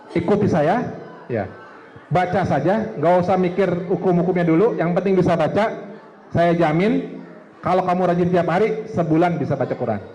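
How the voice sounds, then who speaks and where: A man's voice: sits high, darkish tone, low-quality recording. A male preacher in a mosque, telling a story to students with quoted dialogue and questions to the room. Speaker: ustadz preacher. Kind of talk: lively religious talk to students.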